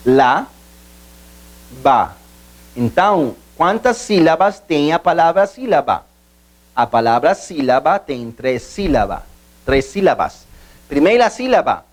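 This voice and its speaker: Lively man teaching slowly. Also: fairly high pitch. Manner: slow, repetitive, emphatic teacher's explanations. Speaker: Portuguese teacher. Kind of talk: video lesson.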